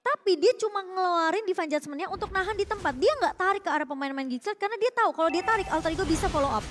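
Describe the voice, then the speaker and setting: A woman's voice: very high-pitched, expressive, racing. A woman with an Indonesian accent giving live commentary and analysis as an esports co-caster. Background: loud music.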